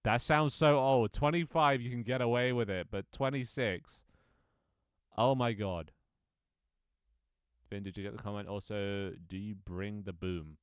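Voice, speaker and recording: A man in his twenties streaming his own game speaks a little slowly with long pauses, his fairly low voice clear and resonant in clean, echo-free studio sound. He chats casually with viewers, rambling with many ums and restarts, and reads chat out loud.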